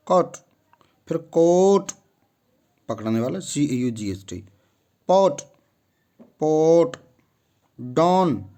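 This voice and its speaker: A man's voice: fairly high pitch, darkish tone. A man giving a phonetics lesson, repeating each word several times and addressing his students directly. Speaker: English phonetics teacher. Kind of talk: classroom-style lesson.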